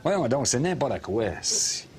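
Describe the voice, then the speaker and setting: An actor with a Québécois accent playing a loud, opinionated middle-aged taxi driver who rants and mocks sarcastically, in a comedy sketch filmed inside a cab. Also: male voice, medium pitch, big pitch swings, a little slow, a little hiss or hum. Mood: mocking. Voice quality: sarcastic ranting, mocking.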